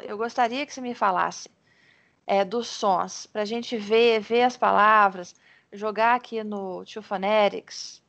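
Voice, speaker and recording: A woman's voice: a little high, a bit bright. A Brazilian Portuguese-speaking woman teaching English in an online lesson over a video call, chatty and encouraging, often restarting her sentences as she explains.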